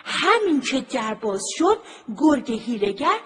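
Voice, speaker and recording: Lively woman telling a children's story. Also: high voice, very noisy. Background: music.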